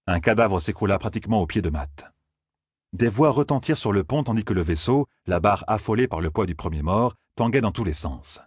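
A man reading a fantasy novel aloud as an audiobook narrator, with expressive storytelling. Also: lowish voice, husky, no room sound, clean studio sound. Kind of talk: scripted narration.

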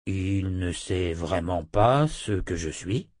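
A man voicing a loyal, humble male talking wolf, low and slow, in an audiobook. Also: expressive, darkish tone, no echo, studio quality.

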